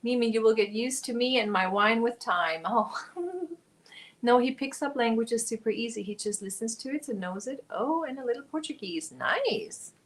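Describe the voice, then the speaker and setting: A German woman with a slightly high voice and lively intonation speaks at a normal speed. While crocheting on a casual livestream, she chats, reads out comments from viewers, and mutters over her stitch counts.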